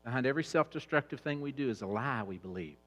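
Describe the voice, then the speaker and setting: A middle-aged man giving a humorous, animated church talk on eating habits, swinging between quiet asides and loud bursts. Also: mid-range voice, fast, lo-fi sound. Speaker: fitness trainer speaking at church. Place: church hall.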